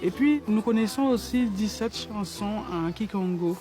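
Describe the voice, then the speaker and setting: A woman's voice: mid-range voice, unhurried, music in the background. A woman from Guadeloupe speaking with emotion in a documentary interview. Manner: emotional, heartfelt.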